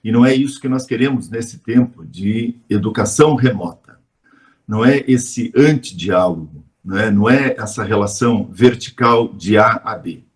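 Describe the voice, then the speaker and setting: A middle-aged Brazilian man, a teacher, giving a measured, explanatory lecture in a live webinar, often adding tag questions. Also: on the low side. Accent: Brazilian Portuguese.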